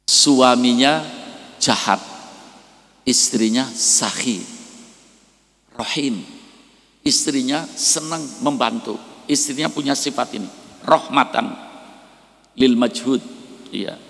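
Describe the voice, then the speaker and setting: A male preacher giving a short sermon and telling a story, acting out its characters with sudden high, raised voices. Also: takes it slowly, creaky, long pauses. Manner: animated, acts out quoted voices in a high pitch. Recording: long hall reverb.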